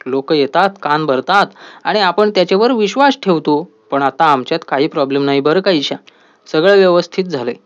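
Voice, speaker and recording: A level-headed young woman who explains things firmly, read by a man. Her lines come in a fairly high voice. The audio is slightly dull. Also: lively intonation, fairly quick, natural voice.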